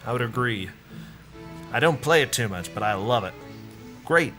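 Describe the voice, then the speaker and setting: A man hosting a charity livestream marathon, reading donor messages aloud in a brisk, upbeat way. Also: mid-range voice, expressive, a bit bright, soft background music. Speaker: marathon host reading donations.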